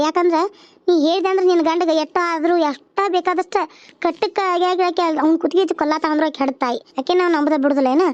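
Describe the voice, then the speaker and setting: A woman's voice: extremely high pitch, no room sound, dull audio. A woman with a North Karnataka Kannada accent, voicing several village women in a cartoon serial with rustic, chatty dialogue. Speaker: narrator voicing all characters.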